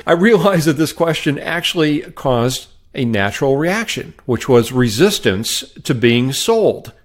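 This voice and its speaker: Wry storytelling man with a lively pitch. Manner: storytelling, wry and conversational, pitch jumps for emphasis. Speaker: podcast host and sales trainer. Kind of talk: solo podcast talk.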